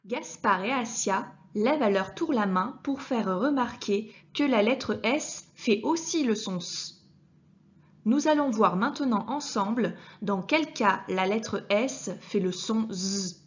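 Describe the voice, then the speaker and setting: A woman teacher giving a clear reading lesson to young children, speaking to the child directly and sounding out each letter with care. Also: on the high side, expressive, highs cut off. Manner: patient, addresses the child directly, deliberately articulated sounds. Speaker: primary school teacher.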